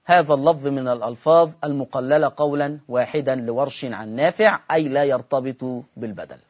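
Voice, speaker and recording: A man with an Egyptian Arabic accent teaching Quran recitation in a televised lesson, explaining with rhetorical questions and slowing down to model the words. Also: mid-range voice, highs cut off.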